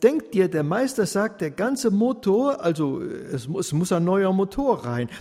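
Guy doing a happy middle-aged wife, voice pushed up high, husky, big hall echo. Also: expressive, fairly quick, darkish tone. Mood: relieved. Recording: long hall reverb.

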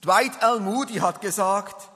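A man's voice: high-pitched, measured pace, sharp tone. A man with a Swiss German accent giving an earnest, emphatic testimony sermon, telling stories from his own life. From Switzerland. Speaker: lay preacher. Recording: long reverb of a large hall.

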